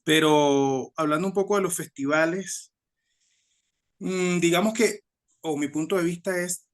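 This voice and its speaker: A Mexican man speaking in a slightly higher than usual voice, working through his ideas aloud. He pauses, restarts phrases and tags his points with a questioning "no?" in an unhurried conversational interview. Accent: Mexican Spanish. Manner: thoughtful, hesitant, with frequent restarts and tag questions. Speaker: guest musician.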